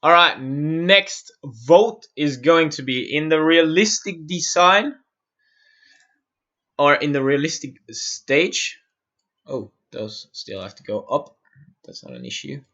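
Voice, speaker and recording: A man from Austria, muttering to himself while he works through a software build on a live-stream tutorial and answering viewers' questions. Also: fairly high pitch, animated, takes it slowly, highs cut off.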